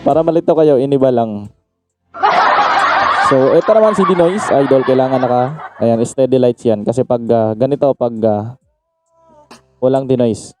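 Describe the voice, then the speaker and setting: Mellow-voiced Filipino man demoing gear. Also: medium pitch, normal speed, pauses often, faint music behind. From Philippines. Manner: chatty, keeps calling viewers "idol", breaks into mic checks. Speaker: sound card reviewer and MC. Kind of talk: casual product demo. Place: home facing a market.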